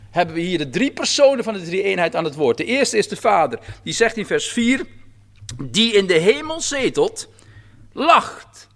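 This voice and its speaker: A man preaching a sermon verse by verse, animated and acting out God's words in quotes. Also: sits high. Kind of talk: sermon on a psalm.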